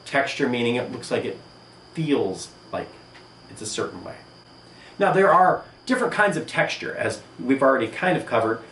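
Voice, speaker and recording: With a mid-range voice at normal speed, a male art teacher gives an animated, enthusiastic video lesson. A little hiss or hum runs through the roomy, distant-mic recording of an indoor room with a table and sandstone wall.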